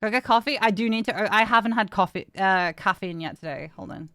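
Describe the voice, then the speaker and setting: A woman's voice: medium pitch, a little fast, bright, forceful tone, clear, resonant tone, dry recording, clean studio sound. A woman streamer chatting casually with viewers, tired and in pain, talking frankly and swearing now and then.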